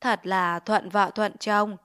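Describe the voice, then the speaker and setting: A woman's voice: mid-range voice, normal speed, close to an everyday voice. A woman voicing a greedy, bullying male village chief who sneers and makes threats in a Vietnamese storybook reading. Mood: sly. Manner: blustering, sneering, extorting.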